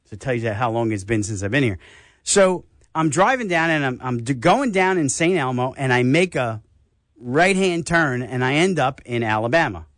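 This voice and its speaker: An older man with a New York accent, hosting a radio health talk show and telling stories in a casual, animated way. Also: medium pitch, moderate pace, no room sound, clean studio sound. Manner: animated storyteller, acts out voices.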